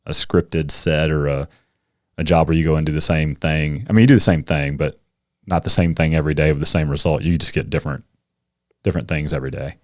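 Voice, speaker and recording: A middle-aged man, a coach and teacher, chatting as a podcast guest and telling animated stories. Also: extremely low pitch, fairly quick, no room sound, studio quality. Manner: animated storyteller, acts out kids' voices. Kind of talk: casual interview conversation.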